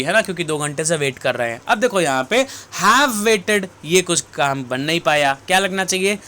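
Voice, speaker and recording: A man's voice: high voice, sharp tone, clear, resonant tone. A male English teacher explaining exam-prep grammar to students, addressing them fondly and mixing Hindi with English.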